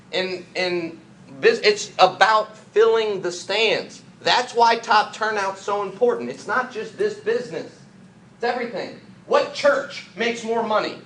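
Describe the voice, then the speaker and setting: A man from the United States giving an energetic motivational business training talk, full of rhetorical questions and jokey asides. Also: sits high. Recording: echoey room, faint background noise.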